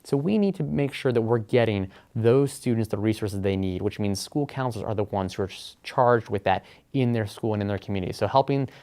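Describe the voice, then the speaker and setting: A man's voice: fairly low pitch, a little fast, few pauses, dark tone. Earnest man explaining policy. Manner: earnest, explanatory, frequent "um" and "you know". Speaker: education policy official. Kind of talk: interview answers in a webinar.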